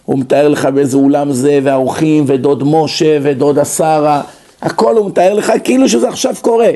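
A man with a slightly high, gravelly voice and a dark, mellow tone gives a lecture. He tells stories and acts out the people in them, shifting his voice for each quoted line. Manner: storytelling, acts out quoted dialogue with shifts in pitch. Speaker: religious lecturer. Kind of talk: lecture on the mind and soul.

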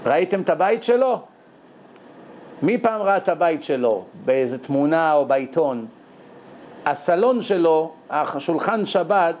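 A man giving a sermon, telling stories and acting out the characters in excited voices, with frequent laughter. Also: a little high, a little hiss or hum. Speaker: rabbi giving a Torah lecture. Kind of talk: lively sermon with storytelling.

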